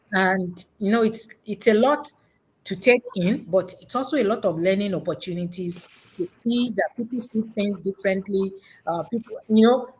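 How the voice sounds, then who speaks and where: A woman with a mid-range voice, heard over poor audio, answers interview questions as an education consultant. Her replies are unscripted and conversational, reflective, and she rephrases points for emphasis.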